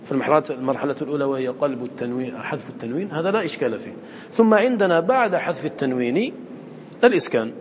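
A man's voice: medium pitch, lively intonation, very fast, big-room sound, a little hiss or hum. A man teaching students the rules of Quran recitation, who often quizzes his listeners and repeats his points. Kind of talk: lecture to students.

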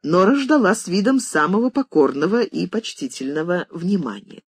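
Expressive, husky audiobook narrator. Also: mid-range voice, moderate pace, dry recording. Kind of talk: scripted literary narration.

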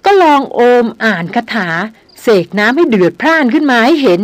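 A woman's voice: a little high, big pitch swings, a little fast, no room sound. A woman reading the lines of a grown male hunter, who talks politely and evenly. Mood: calm teasing. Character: grown male jungle hunter, calm and teasing.

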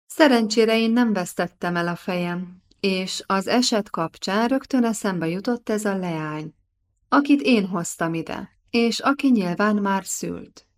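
A woman's voice: mid-range voice, natural voice. A woman reading an audiobook, voicing a bossy, scornful middle-aged noblewoman who talks down to a young mother. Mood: gossiping. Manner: scolding, haughty.

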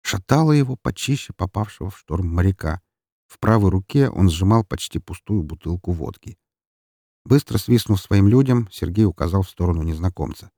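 A man reading an adventure audiobook as narrator, with expressive storytelling delivery. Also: low voice, normal speed, no room sound, studio quality.

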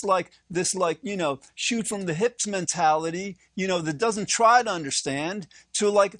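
A man's voice: high-pitched, no room sound. A man co-hosting a casual discussion show, talking earnestly and rambling, with many restarts and fillers. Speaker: co-host.

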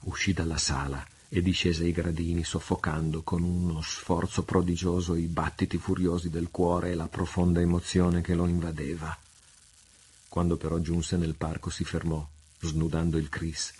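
A man reading an adventure novel aloud in a measured, dramatic way. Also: sits low, flat delivery, darkish tone, husky. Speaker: audiobook reader. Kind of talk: literary reading.

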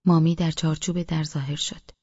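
A man with a gravelly, husky voice reading a novel in first-person narration. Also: a little high, dry recording, muffled recording. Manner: flat, even reading. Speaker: audiobook narrator.

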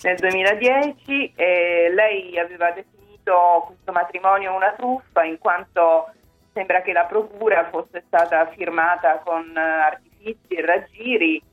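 A woman's voice: on the low side, measured pace, faint music behind. A woman calling a radio show by phone, explaining her answer carefully and a little hesitantly. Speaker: phone-in caller. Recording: tinny narrow phone line.

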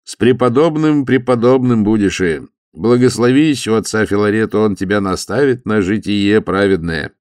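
A man's voice: fairly low pitch, normal speed, few pauses, a little mellow, no echo, studio quality, voice pushed up, lightly acted. A man voicing a sturdy, middle-aged monk who is officious and pompous, lecturing and declaiming as if at a church service.

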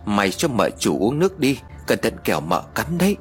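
A man's voice: mid-range voice, wildly swooping pitch, fairly quick, faint music behind. Man playing a stern boastful exorcist master. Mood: commanding. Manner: commanding, boastful. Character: stern arrogant male exorcist master, middle-aged.

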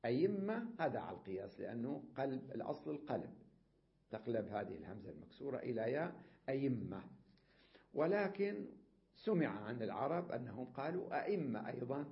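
A man teaching Arabic grammar as a sheikh, methodically repeating word forms, asking rhetorical questions and often clearing his throat. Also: medium pitch, sing-song, brisk. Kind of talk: classroom grammar lesson reading and explaining a text. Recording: dull lo-fi lecture recording.

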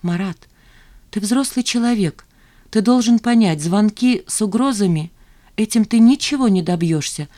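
A woman's voice: medium pitch, normal speed, darkish tone, voice pushed up, close to an everyday voice. A woman reading an audiobook voices an insistent young woman pleading with her neighbor. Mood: earnest, insistent.

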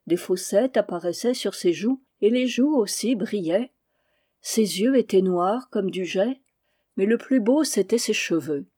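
A woman reading a novel aloud in a steady, measured storytelling manner. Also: medium pitch. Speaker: audiobook reader.

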